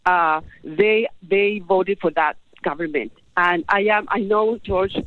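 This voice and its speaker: A woman in her fifties, originally from Chile, calls into a talk show. She talks haltingly, restarting phrases and filling with "uh" and "um". Her voice comes through a tinny, dry phone line. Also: medium pitch, no echo. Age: 50s. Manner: hesitant, with many restarts and fillers. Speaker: caller. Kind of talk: phone-in call.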